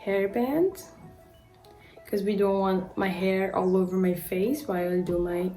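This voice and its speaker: A Brazilian-accented model and beauty vlogger in her twenties casually walks through her skincare routine, using "like" a lot and stumbling over product names. Her medium-pitched voice is dark and steady at a measured pace, with faint music in the background.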